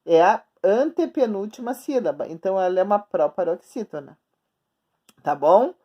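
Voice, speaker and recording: A woman teacher records a lesson for young children at her screen, talking while she writes things up. She is patient and repeats herself a lot, drawing words out slowly syllable by syllable. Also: medium pitch, expressive, dull audio. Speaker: schoolteacher. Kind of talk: remote grammar lesson for children. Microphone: recording at a screen, writing on the board while talking.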